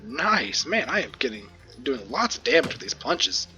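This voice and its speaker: A man with a bright, forceful voice gives let's play commentary as he plays. He talks in a chatty, joking way, with lots of ums and ohs. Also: medium pitch, very animated, moderate pace, faint music behind. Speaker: gamer.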